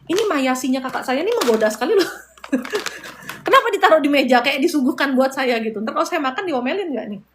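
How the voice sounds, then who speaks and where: Balinese woman, live-stream spiritual host, chatty, playful asides, fairly high voice. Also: lively intonation, fairly quick, fairly bright tone, slight background noise. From Bali, Indonesia. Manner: chatty, mixes advice with playful asides and laughs. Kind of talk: casual live-stream preaching.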